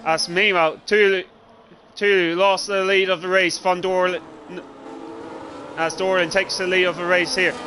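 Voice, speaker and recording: A man's voice: sits high, little pitch movement, normal speed, long pauses, pushed and bright. A man doing live race commentary on a livestream of a sim racing event. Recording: clearly noisy, engine noise behind.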